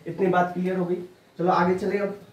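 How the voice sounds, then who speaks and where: High-voiced man teaching chemistry. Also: flat delivery, brisk, dull audio. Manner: informal, addresses student as "bhai" and "tu", repeats points to drill them. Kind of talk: exam-prep lecture. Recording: roomy classroom audio, mic at a distance.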